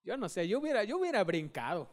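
A man preaching a sermon, dramatic, swinging from hushed storytelling to shouts and urging the congregation to join in. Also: high-pitched, very animated, fast.

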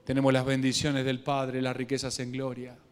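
A man with a Guatemalan Spanish accent preaching a sermon, telling a Bible story with local slang and humor, moving between hushed reading and louder bursts. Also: medium pitch, monotone, moderate pace, smooth, faint music behind.

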